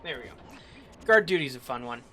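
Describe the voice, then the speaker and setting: A man's voice: mid-range voice, animated, fairly quick, bright, forceful tone. A man casually commenting on his game playthrough, rambling with lots of fillers. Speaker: game streamer. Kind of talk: casual let's-play commentary. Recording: game music playing behind.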